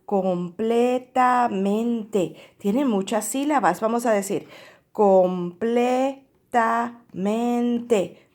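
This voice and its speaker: A woman's voice: fairly high pitch, vocal fry. A woman teacher reading a picture book aloud to young children, stretching out words and counting their syllables. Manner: slow, drawn-out syllable drilling with animated read-aloud emphasis.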